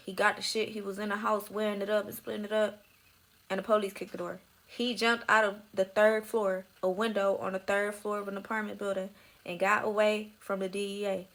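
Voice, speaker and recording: A young woman telling a personal story in a candid, emotional way, full of swearing, sometimes dropping to a soft near-whisper. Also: medium pitch, flat delivery, normal speed.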